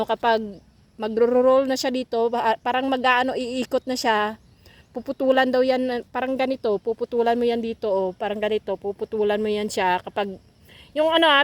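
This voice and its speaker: A woman's voice: on the high side, no echo. A young woman, vlogging casually on a vegetable farm while filming on her phone, chatty and repetitive as she points things out to viewers. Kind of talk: casual walking tour vlog.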